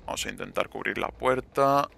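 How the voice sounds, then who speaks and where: A man's voice: lowish voice, normal speed, creaky, pushed and bright. A young man commenting live on his gameplay, swearing and taunting the other players.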